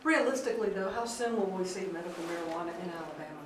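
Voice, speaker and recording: A woman's voice: on the low side, lively intonation, fast talker. A woman working as a reporter, asking questions at a press interview. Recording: echoey, noisy room, off the main microphone.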